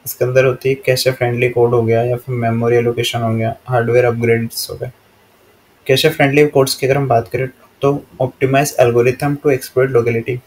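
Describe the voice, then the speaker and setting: An Indian man teaches from slides in a plain, even voice that hardly rises or falls. He reads each English line slowly, then explains it at a steady classroom pace. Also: medium pitch, slight background noise.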